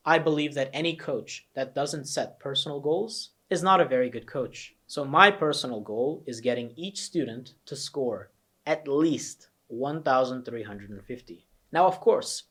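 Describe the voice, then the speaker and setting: A young American test prep coach walks students through his course in a promotional pitch, sounding earnest, emphatic, and persuasive. His mid-range voice is fairly bright and slightly rough.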